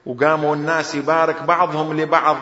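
A man preaching a mourning sermon, telling the story dramatically, dropping to low murmurs and rising to cries. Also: flat delivery, fast, reverberant, highs cut off, a crowd in the background.

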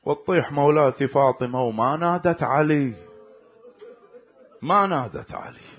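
A man's voice: fairly high pitch, moderate pace, a bit bright. A man preaching a mourning sermon that rises from spoken storytelling into a wailing chanted elegy.

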